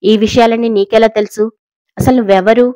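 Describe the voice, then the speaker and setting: A woman's voice: medium pitch, fairly even intonation, brisk, darkish tone, dry recording, natural voice. A woman voicing a proud cornered matriarch. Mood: tense. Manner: arrogant, angry, pleading. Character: proud powerful older woman, cornered and angry.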